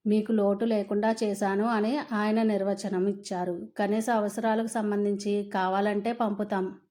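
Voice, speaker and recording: A woman narrating a first-person family story in a steady, subdued reading. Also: medium pitch, moderate pace.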